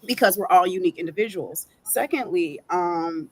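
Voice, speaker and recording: A woman panel guest on a video call, speaking haltingly with many fillers. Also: fairly low pitch, rough recording. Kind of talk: casual panel talk.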